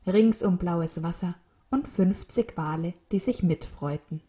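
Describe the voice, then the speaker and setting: A woman narrating a short children's story in a calm, even reading manner. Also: on the low side, measured pace.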